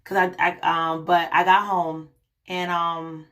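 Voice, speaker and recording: A young woman vlogging her illness story to camera, rambling with many ums and restarts, her voice raspy from a lingering cough. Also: on the low side, flat delivery, takes it slowly, fairly bright tone. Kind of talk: casual personal story to camera.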